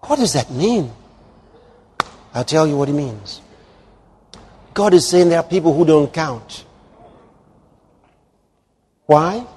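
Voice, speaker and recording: A male pastor preaching a sermon, moving from hushed, drawn-out lines to loud exclamations. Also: a little high, lively intonation, slight background noise. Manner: dramatic, swings from hushed to exclaiming. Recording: long hall reverb.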